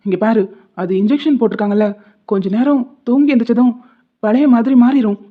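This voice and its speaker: A woman's voice: on the high side, a little fast, close to an everyday voice. A woman voicing a stern middle-aged village-head husband who scolds and gives orders in a cartoon. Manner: scolding, commanding. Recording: tinny phone-like lo-fi sound.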